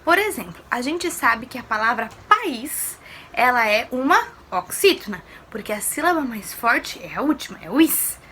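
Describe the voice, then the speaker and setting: A woman's voice: on the high side, big pitch swings, normal speed, hardly any pauses, sharp tone, a little hiss or hum. A woman teacher giving a recorded lesson to primary pupils, explaining patiently step by step and asking them questions.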